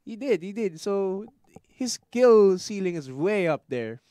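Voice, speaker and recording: Animated man chatting wrestling. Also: high-pitched, dry recording, clean studio sound. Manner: animated, quick back-and-forth banter with bursts of laughter. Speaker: podcast co-host. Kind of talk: casual wrestling chat.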